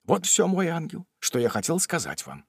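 A man voicing an excitable, courtly elderly gentleman who exclaims loudly and then turns tender and gallant. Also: fairly high pitch, moderate pace, breathy edge, dry recording, studio quality, pitched above the performer's own voice, full character voice.

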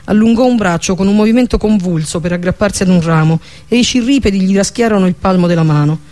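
A man narrating a fantasy audiobook with a steady, even reading manner. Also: high-pitched, fast talker. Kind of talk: scripted narration of a fantasy novel.

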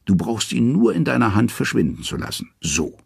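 A man doing a gruff dwarf smith. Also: mid-range voice, sing-song, normal speed, no room sound, clean studio sound, voice pushed up, exaggerated voice. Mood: proud. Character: stern, grim male dwarf smith.

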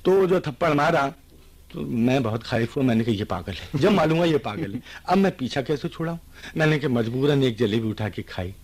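An older man, an interview guest, telling lively anecdotes and acting out the dialogue. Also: medium pitch. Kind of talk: anecdotal storytelling. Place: radio studio.

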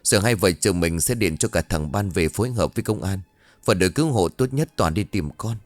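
A man's voice: deep voice, expressive, brisk, no room sound. A man voicing a worried middle-aged husband who speaks earnestly, soothing his wife and asking after his missing daughter.

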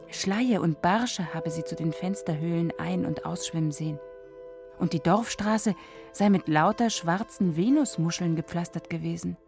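A woman narrating a scripted radio drama for children in a calm, measured storytelling manner. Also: fairly low pitch, vocal fry.

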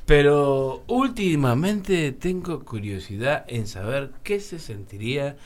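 A man's voice: medium pitch, animated, takes it slowly. A man with a Rioplatense accent, reading listener questions aloud and joking in a casual talk show. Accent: Rioplatense Spanish. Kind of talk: casual radio chat.

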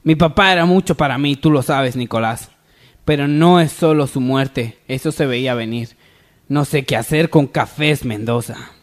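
A man's voice: mid-range voice, moderate pace, lightly acted. A man playing an emotional, irritable young wealthy heir in grief, in amateur radio soap opera acting. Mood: grieving. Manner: emotional, melodramatic.

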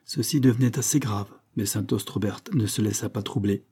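Male narrator, audiobook, steady, measured, dark husky tone. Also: on the low side. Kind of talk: audiobook reading of a classic novel.

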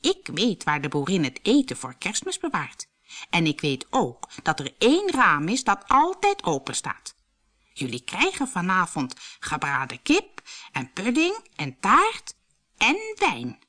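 A woman's voice: fairly low pitch, wildly swooping pitch, a little slow, a bit bright, heavily acted. A woman playing an eager, boastful pig. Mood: excited. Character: eager boastful male pig, full of schemes.

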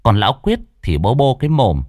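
Lively storyteller man. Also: medium pitch, fairly quick, dry recording, studio quality. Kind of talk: comic ghost story narration.

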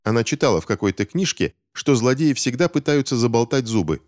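A man's voice: mid-range voice, lively intonation, brisk, dry recording, clean studio sound, voice pushed up, close to an everyday voice. A man reading an audiobook, voicing a young boy who is angry and distrustful of adults and speaks in a heated, accusing way. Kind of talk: audiobook character voice.

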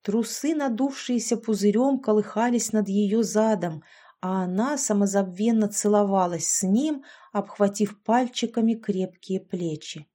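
A woman reading a story aloud, narrating and voicing the dialogue of several characters in a lively way. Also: medium pitch, a little slow. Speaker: audiobook narrator. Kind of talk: scripted narration with acted dialogue.

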